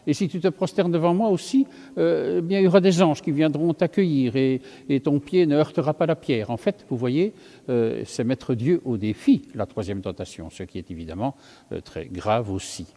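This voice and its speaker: A priest giving a sermon, thinking aloud with many fillers and self-corrections. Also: male voice, on the high side, normal speed, dark tone, big-room sound. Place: church.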